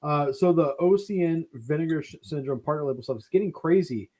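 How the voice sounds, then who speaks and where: A man's voice: fairly high pitch, mellow. A man co-hosting a casual chat, playful and joking. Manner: playful, joking, quick to laugh. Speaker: podcast co-host. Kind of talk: casual chat about film releases.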